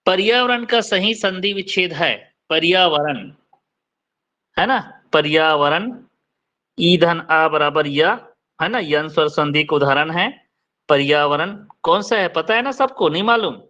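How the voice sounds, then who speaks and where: A man teaching Hindi grammar in an online class, slowly drilling letter sounds and quizzing his students. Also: on the high side, animated, pushed and bright.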